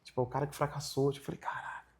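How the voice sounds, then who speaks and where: A man's voice: mid-range voice, racing. A young man, telling a story in a casual interview and acting out the other people in it. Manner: animated, acts out other people's lines in his retelling. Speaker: guest.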